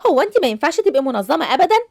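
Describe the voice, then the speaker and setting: A woman's voice: sits high, sing-song, very fast, gravelly, no room sound, clean studio sound, exaggerated voice. A woman with an Egyptian accent playing a mother who scolds and nags her daughters in a game movie. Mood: scolding. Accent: Egyptian Arabic. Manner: scolding, nagging.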